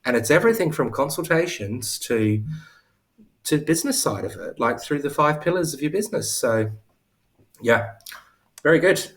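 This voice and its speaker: A hair coach who owns a salon talks from home over a video call for a casual live interview. His slightly high voice is sing-song at a normal speed, and he pauses often, restarts sentences, and pokes fun at himself.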